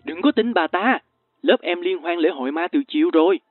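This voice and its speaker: A man's voice: very animated, moderate pace, breathy edge, exaggerated voice. A man voicing a terrified young boy who pleads and screams for help in an audiobook story. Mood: panicked pleading. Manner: shrill, desperate pleading. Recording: tinny lo-fi with faint music.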